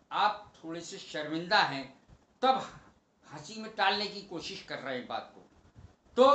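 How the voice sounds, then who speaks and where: A man teaching English vocabulary in a slow, methodical lesson, spelling each word out letter by letter. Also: high voice, fairly bright tone, echoey room.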